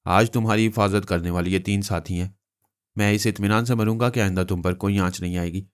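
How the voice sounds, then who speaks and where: A man's voice: lowish voice, fairly even intonation, fairly quick, clean tone, lightly acted. A man reading a novel aloud, voicing a desperate, lovesick male informer with an anguished, pleading delivery.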